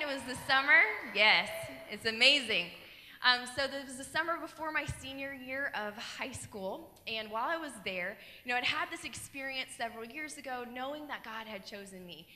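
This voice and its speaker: Her voice fairly high, a young woman from Colorado delivers a keynote testimony talk into a handheld mic on a dark, spacious auditorium stage. She tells her story earnestly, gesturing animatedly, as a long hall reverb trails her words.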